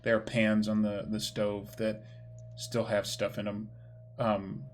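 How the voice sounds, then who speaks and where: A man running a tabletop game as game master, narrating in a relaxed, chatty way. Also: on the low side, slow pace, a little hiss or hum. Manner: relaxed, chatty, laughs easily.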